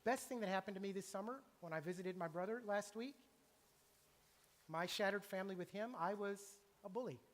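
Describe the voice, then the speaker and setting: A man's voice: sits high, fairly quick, fairly bright tone. Earnest preacher man in echoing church. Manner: earnest, confessional, conversational preaching. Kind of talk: sermon. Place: church sanctuary. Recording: long reverb of a church hall.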